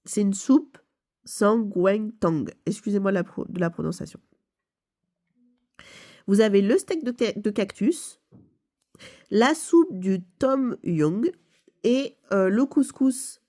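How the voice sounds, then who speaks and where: A video game channel host with a stuffy nose from a cold explains a game casually, using many fillers and self-corrections. Her mid-range voice is expressive and mellow, moving at a slow pace with long pauses.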